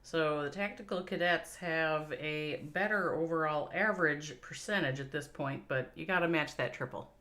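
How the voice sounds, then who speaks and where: Calling a mobile strategy game match live, this Minnesota-accented woman caster keeps things chatty and playful, laughing along and responding to chat. She has a low, slightly bright voice and talks at a moderate pace with hardly any pauses.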